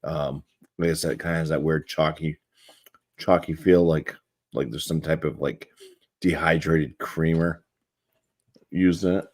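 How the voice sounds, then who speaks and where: A man with an extremely deep voice gives a casual spoken beer review. He talks in a measured, hesitant way, pausing on fillers as he weighs his words. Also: fairly even intonation.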